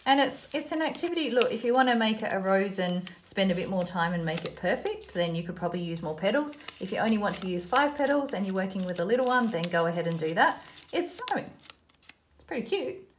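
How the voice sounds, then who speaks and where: Speaking quickly in an expressive mid-range voice, an Australian woman hosts a children's craft video. Her tutorial is relaxed and self-deprecating, with her thinking out loud as she works, and there's a slight hiss or hum on the recording.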